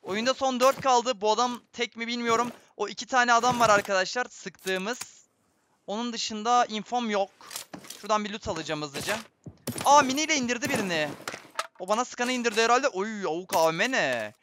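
Young male streamer, high-pitched, chatty and excitable, game noise clearly audible. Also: normal speed. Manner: excitable, chatty, addresses viewers as friends. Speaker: gaming streamer. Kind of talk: live gameplay commentary. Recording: game gunfire behind voice.

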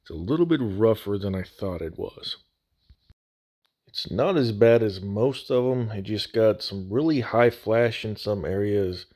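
Guy with a lowish voice talking thru a build, folksy n casual, bit echoey phone mic. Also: darkish tone. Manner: plain-spoken, folksy, colloquial. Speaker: host of a scale model building channel. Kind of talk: casual hands-on tutorial narration. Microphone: phone microphone.

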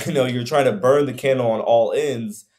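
A man's voice: medium pitch, fairly even intonation, moderate pace, a little mellow. A young man, a fitness coach co-hosting a podcast over a video call, talking in a reflective, rambling way with many fillers. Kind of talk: casual podcast conversation. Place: room at home.

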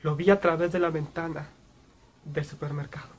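Casting: male actor playing guilt-ridden young man, high voice, sorrowful, anguished, halting delivery, dramatic monologue. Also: flat delivery, slight background noise, natural voice. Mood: pained confession. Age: young adult. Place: small room, indoors.

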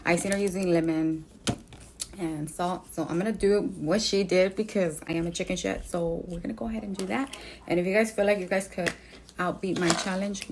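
A woman's voice: lowish voice, steady tone, fairly quick, noisy background. A woman in her thirties chatting casually to her phone as a challenge vlogger at home. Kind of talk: casual chat to camera. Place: small room at home, at a table. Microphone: phone at arm's length.

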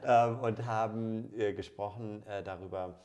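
A man's voice: fairly low pitch, fairly even intonation, unhurried, a crowd in the background. A man in his thirties hosting a podcast, chatting casually with many fillers and restarts. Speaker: podcast host. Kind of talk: casual interview chat. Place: studio room with dark backdrop.

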